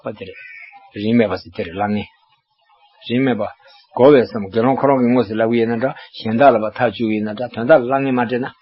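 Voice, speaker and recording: A man's voice: mid-range voice, fairly even intonation, fast talker, slightly rough. An older man giving a religious teaching, explaining at length and checking in with rhetorical questions. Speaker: monastic teacher. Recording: dull lo-fi recording with faint background hiss.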